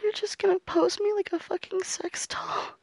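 A young woman voicing a sharp-tongued, mean young female student who swears freely and shifts between defiance and pleading in an audio roleplay. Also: very high voice, little pitch movement, normal speed, creaky, no room sound. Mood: frightened pleading. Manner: profane, alternating defiance and pleading. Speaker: voice actor.

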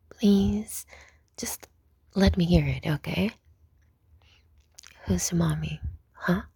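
A young woman whispering close to the mic in an intimate roleplay, soft, coaxing and dominant. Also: deep voice, gravelly, husky, no echo. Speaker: audio roleplay performer.

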